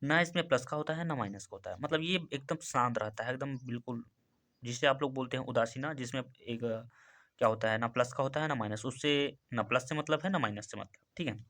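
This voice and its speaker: A man's voice: medium pitch, a bit bright. A man explaining a chemistry lesson in a casual classroom style, often asking himself short questions and answering them. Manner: repeats key terms as quick questions, says "ठीक है" and "भाई" often. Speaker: chemistry teacher.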